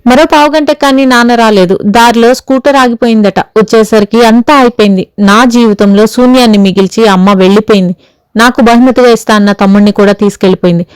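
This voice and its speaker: In this audio storybook, a haunted young husband speaks in an earnest, confessional way, as a woman reads him. The voice stays smooth and clear, set close and dry, with no room around it. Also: on the high side, fairly quick, dry recording, lightly acted, poor audio.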